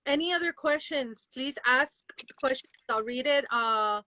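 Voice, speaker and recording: A woman's voice: sits high, measured pace, bright, forceful tone, dry recording, rough recording. A woman hosting a casual live interview, chatting and reading out viewers' questions. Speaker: interview host.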